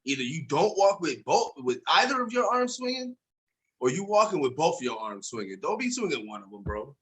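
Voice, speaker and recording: A man's voice: on the high side, big pitch swings, brisk, fairly bright tone. A man co-hosting a podcast in casual, profane, joking banter. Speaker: podcast co-host. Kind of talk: casual chat.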